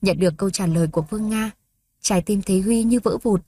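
A woman narrating a romance story in a steady, even reading voice. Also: medium pitch, quick pace. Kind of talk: scripted audiobook narration.

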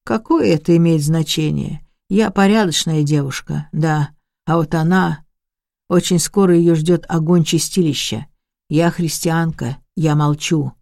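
A sullen, self-righteous young woman murmurs in a slow sing-song, as a storyteller puts her on. Her voice sits a little low and quiet, mellow and dry. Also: steady tone, vocal fry, dry recording. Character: pious, resentful young woman servant.

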